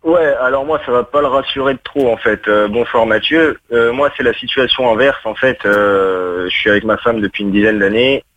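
A man in his twenties calling a radio show, chatting casually and bluntly in a rough smoker's voice. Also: mid-range voice, normal speed, few pauses, no room sound, highs cut off. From Rouen, France. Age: 20s. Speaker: radio call-in guest. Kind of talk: casual chat.

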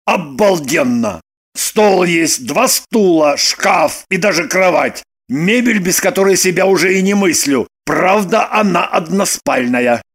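A woman's voice: on the low side, expressive, a little slow. A woman reading an audiobook and voicing a wry, teasing middle-aged man who argues stubbornly. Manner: dry joking, stubborn. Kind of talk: audiobook character voice.

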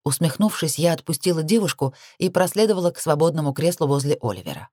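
A woman narrating a fantasy novel in the first person with even, wry storytelling. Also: deep voice, quick pace, no room sound, studio quality. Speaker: audiobook reader.

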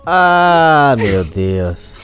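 A man hosting a podcast, jumping in with quick, jokey reactions. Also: mid-range voice, very animated, a bit bright, soft background music. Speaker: podcast host. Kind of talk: casual chat reactions.

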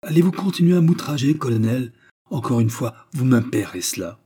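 A man's voice: medium pitch, normal speed, dark tone, slightly rough, lightly acted. A man reading an audiobook voices a proud, defiant young grand-duchess who talks in haughty, indignant outbursts.

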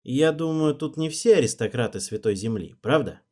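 A man reading the part of an unsure young ruler who talks hesitantly and gently. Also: mid-range voice, lively intonation, moderate pace, voice pushed up, natural voice.

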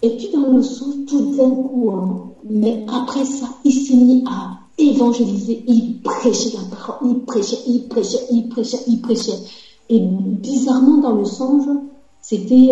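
A woman's voice: on the high side, mellow. A woman sharing a dream during a church session, talking hesitantly with many restarts. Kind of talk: conversational testimony. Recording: very echoey, muffled recording.

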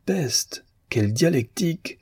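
Guy doing a teasing ironic doctor, kinda husky, dry close sound. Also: fairly high pitch, lively intonation, takes it slowly, a little mellow, dry recording, voice pushed up, full character voice. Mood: wry. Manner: bantering, ironic. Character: wry amused male doctor, teasing and generous.

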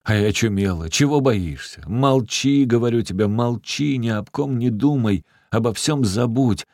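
A man voicing a huge, tipsy village strongman who scolds roughly in a booming bass. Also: unhurried, a little mellow, dry recording, studio quality. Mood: gruff shouting.

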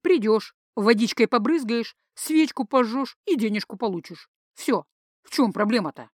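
A woman's voice: a little high, expressive, moderate pace, no echo, studio quality. A woman voicing a cheeky, pushy young male student who wheedles and persuades.

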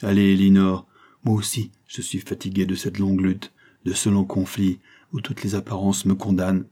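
A low-pitched, dark, slightly rough male voice, level in tone and at normal speed, reads an audiobook role. The character is a brooding young lawyer and wounded husband, bitter and impassioned, his words pleading and full of reproach.

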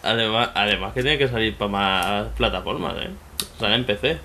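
A man's voice: lowish voice, moderate pace, bright, forceful tone, a little hiss or hum. A man, co-hosting a casual podcast chat, joking and often laughing. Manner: joking, laughs often, acts out mock quotes. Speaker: podcast co-host.

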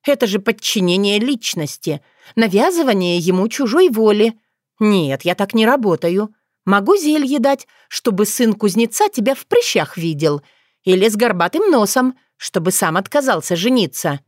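A woman voicing a calm young witch who speaks in a dry, sarcastic way. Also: mid-range voice, normal speed, dry recording, close to an everyday voice. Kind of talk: audiobook character voice.

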